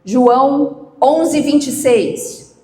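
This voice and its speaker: A woman pastor preaching a sermon, slow and emphatic, shifting between loud outbursts and hushed questions. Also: sits high. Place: church. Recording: echoey church with soft music. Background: soft instrumental music.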